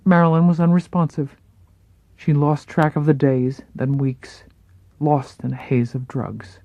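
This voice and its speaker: A narrator giving a measured, dramatic scripted reading of a story. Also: medium pitch, level tone, warm tone, dry recording, highs cut off.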